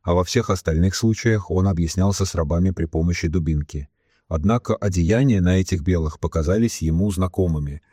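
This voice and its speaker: A male narrator reads a novel in a deep, husky voice. His tone is dark and mellow. The recording is dry and close, with no room sound. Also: dry recording. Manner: reads all characters himself, slowing for solemn quotes. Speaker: audiobook narrator. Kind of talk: scripted narration.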